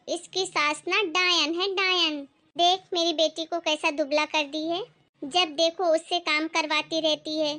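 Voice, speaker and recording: A woman's voice: very high-pitched, full character voice. A woman acting a bossy, cruel mother-in-law who scolds her daughter-in-law in a family drama. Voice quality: scolding, sharp-tongued.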